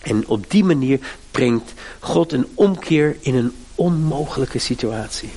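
Middle-aged pastor guy, gravelly husky voice, preaching all fired up. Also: mid-range voice, expressive, a little slow, darkish tone. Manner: fervent, emphatic preaching with direct appeals. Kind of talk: sermon.

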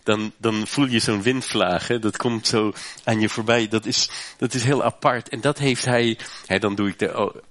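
A man's voice: on the low side, steady tone, moderate pace, a bit bright. A man from the Netherlands preaching a sermon as pastor, earnest, repeating his phrases and tagging them with little questions.

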